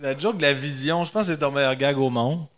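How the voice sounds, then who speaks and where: A French-speaking man with a Quebec French accent jokes casually while searching for words in halting English. His voice is medium-pitched and a bit bright.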